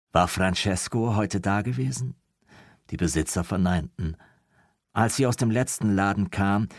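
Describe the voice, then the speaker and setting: Deep-voiced male audiobook narrator. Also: no echo, studio quality.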